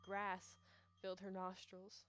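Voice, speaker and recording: A woman with an American accent slowly works through a visual novel in a mid-range monotone, stumbling over names and pausing for chatty asides. Game music plays behind her, and her laptop mic produces dull lo-fi audio.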